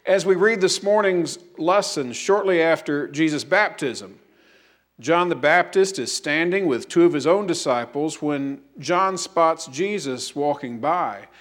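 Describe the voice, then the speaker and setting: Male pastor, slightly high voice, storytelling sermon with emphatic repeats. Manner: storytelling, animated quotes, slow emphatic repetition.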